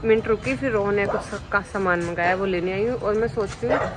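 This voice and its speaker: A woman's voice: mid-range voice, fairly quick. A young woman vlogging casually outdoors on a city street, chatty and cooing to street dogs. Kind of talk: casual vlog chat.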